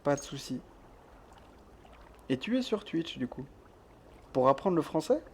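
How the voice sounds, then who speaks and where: A man's voice: a little high, sing-song, a little slow, slight background noise. A male streamer who keeps his voice down, chatting casually as he plays a game and reads the chat, laughing often. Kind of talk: casual let's-play chat. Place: home room with thin walls.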